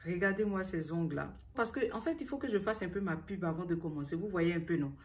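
A woman's voice: on the low side, lively intonation, fast, a little mellow. A young woman from Ivory Coast with an Ivorian French accent, talking to camera in a chatty, teasing vlog. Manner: talks straight to the viewer, teasing, with playful asides. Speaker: beauty vlogger.

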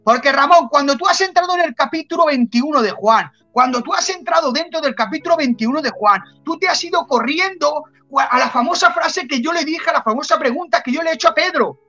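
A man from Spain voicing the Lord as a calm, patient divine voice, in a sermon. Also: very high voice, a little fast, few pauses, muffled recording, soft background music, exaggerated voice. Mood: explaining. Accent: Spain Spanish.

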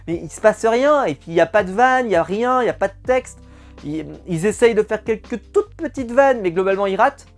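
Exasperated man reviewing a film. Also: high-pitched. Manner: exasperated, emphatic, repeats words for effect. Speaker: film critic. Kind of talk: casual spoken film review.

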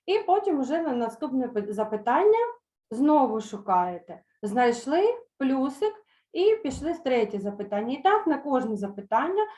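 A woman teacher reading a children's story aloud in an online lesson, then explaining words slowly and carefully with some hesitant fillers. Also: high voice, very animated, dark tone, echoey room. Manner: slow, careful pronunciation of words for pupils to repeat.

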